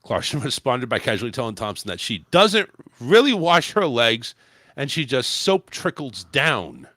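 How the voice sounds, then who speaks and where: Crude, animated man hosting a podcast. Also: medium pitch, normal speed, dry recording, clean studio sound. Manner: crude, rambling, animated and profane. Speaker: podcast host. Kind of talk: casual comedic chat, recapping celebrity news. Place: home studio in Florida.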